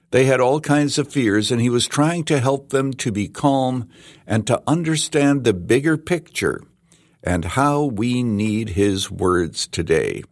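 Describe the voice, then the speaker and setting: Animated older man preaching, Canadian-raised. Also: in a large hall. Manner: animated preaching, swelling to emphatic peaks and dropping low. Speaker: pastor. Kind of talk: radio sermon.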